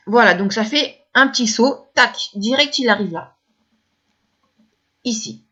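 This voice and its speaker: A woman's voice: fairly high pitch, a bit bright, highs cut off. A woman teaching video editing step by step, hesitant and repeating herself as she talks through each click. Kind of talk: screen-recorded editing tutorial.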